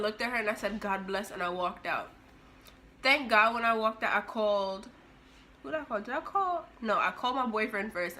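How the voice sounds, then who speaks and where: A young woman vlogger telling a story in an animated, expressive way, acting out the scene as she goes. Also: medium pitch, a little hiss or hum. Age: young adult. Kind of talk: storytime vlog.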